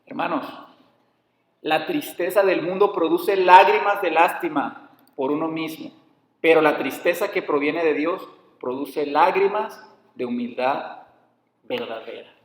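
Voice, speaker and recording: A man with a high voice delivers a sermon, often stopping to ask his listeners questions. His words ring out in a large, echoing hall with a long reverb tail. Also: unhurried. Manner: addresses listeners as brothers, asks rhetorical questions. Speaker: preacher. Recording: echoey hall.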